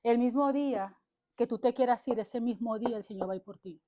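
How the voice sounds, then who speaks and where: Livestreamed to social media from a church, a woman preaches a fervent sermon, pressing every point and dotting her phrases with "amén." Her warm voice is fairly high and a little fast, though the recording is muffled.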